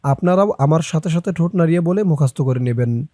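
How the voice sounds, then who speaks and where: A man teaching Quran reading, chanting verses slowly and then briskly explaining pronunciation, recorded close and dry. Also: fairly high pitch, mellow, no echo. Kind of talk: recitation lesson, reciting then explaining.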